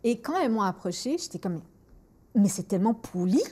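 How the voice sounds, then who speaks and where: Lively and candid, this Montreal podcast host in her forties swaps freely between French and English as she tells stories, repeating words while she thinks. She speaks a little fast in a husky, mid-range voice. Her accent is Montreal French.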